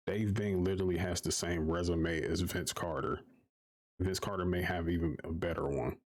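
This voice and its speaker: Man, low voice, live streamer, profane exasperated rant, repeats himself. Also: steady tone, normal speed.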